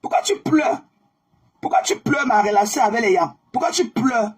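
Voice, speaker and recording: A woman's voice: on the high side, lively intonation, moderate pace, breathy edge. A woman hosting a live stream, confronting and mocking a rival in a repetitive, combative way.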